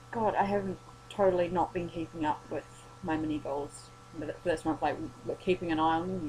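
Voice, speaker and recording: In a casual late-night vlog, a tired young woman rambles and swears in a self-deprecating way, her worn voice starting to go. Her voice is fairly low and a little mellow, and the poor audio has some hiss or hum.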